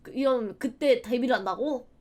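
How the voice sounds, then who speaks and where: A young woman in her twenties chats on a livestream in a high voice. She laughs readily and acts out old stories in a loose, chatty way. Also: moderate pace, a little mellow. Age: 20s. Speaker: streamer. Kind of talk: casual livestream chat.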